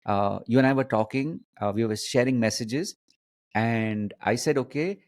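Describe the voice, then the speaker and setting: Man, mid-pitched voice, interview host, conversational, halting emphatic phrasing. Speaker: host, coaching mentor.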